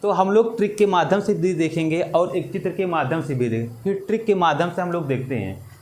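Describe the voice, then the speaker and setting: A man teaching an exam-prep lesson, slow and repetitive, drawing out vowel sounds. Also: on the high side, darkish tone.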